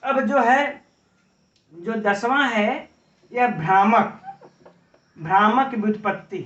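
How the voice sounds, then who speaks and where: A male teacher delivers an exam-prep lecture, working through examples and posing rhetorical questions to the class. His voice sits high. The sound is dull and lo-fi, picked up from some distance in a reverberant room. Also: slow pace, fairly bright tone. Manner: frequent tag "है ना". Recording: roomy, distant, dull lo-fi audio.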